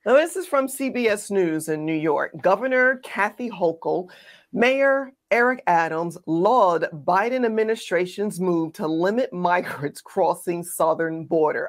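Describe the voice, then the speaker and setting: A woman's voice: lowish voice, measured pace. A woman co-hosting a political commentary show, speaking emphatically and sarcastically and addressing her audience directly.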